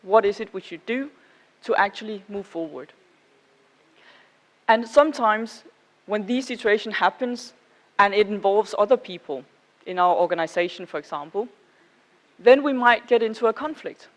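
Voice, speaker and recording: With a mid-range voice and an animated delivery, this Danish woman addresses a conference audience in her Danish accent, informal yet measured, regularly engaging her listeners.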